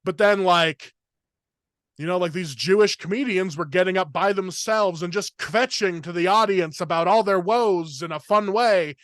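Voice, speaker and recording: Brief: young male comedian-host, slightly high voice, rambling and filler-heavy, dry close recording. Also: a bit bright, no room sound. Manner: rambling, filler-heavy, fast torrent of words. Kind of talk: casual podcast chat.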